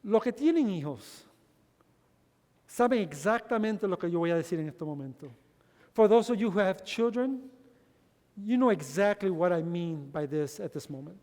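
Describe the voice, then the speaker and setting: A man's voice: high-pitched, lively intonation, unhurried, darkish tone. A male pastor preaching a bilingual sermon, giving each point in Spanish and then in English and calling the congregation brothers. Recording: long hall reverb.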